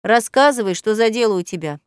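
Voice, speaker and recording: A woman voicing a self-important male cat professor, fussy and quick to take offence, for an audiobook. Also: medium pitch, expressive, clear, resonant tone, no room sound, studio quality, lightly acted. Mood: stern. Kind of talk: audiobook character voice.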